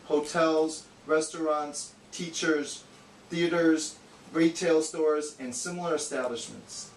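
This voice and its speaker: A man takes it slowly as a know-it-all puppet, his fairly high voice holding a fairly even intonation. The bookish, exasperated character explains earnestly, didactically and a bit condescendingly for an amateur educational puppet show, with echo, a distant mic and hiss in the recording.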